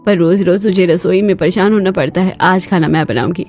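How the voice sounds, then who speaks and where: A woman voicing a kind but firm older mother-in-law in a cartoon story, speaking calmly and insistently. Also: lowish voice, brisk, faint music behind, close to an everyday voice.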